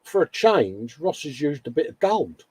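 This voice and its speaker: A man's voice: a little high, very animated, normal speed, a little mellow, husky, no echo. A man co-hosting a casual hobby show, reading out posts in a chummy, colloquial way, often calling people mate. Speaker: co-host of a hobby live show.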